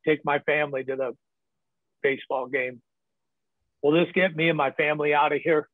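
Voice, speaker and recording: A man's voice: fairly high pitch, little pitch movement, moderate pace, no room sound. A man, a podcast guest, telling candid stories from his past in casual talk, laughing often and filling with ums. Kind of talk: casual storytelling. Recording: tinny phone-like line, dry.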